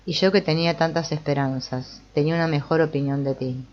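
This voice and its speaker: A woman's voice: sits low, steady tone, brisk, highs cut off, natural voice. A woman reading the lines of a refined, mysterious woman in a brothel, asking grave, searching questions.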